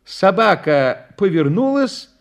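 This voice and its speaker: Slow, expressive male storyteller. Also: high voice, vocal fry. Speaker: narrator. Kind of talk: storybook reading.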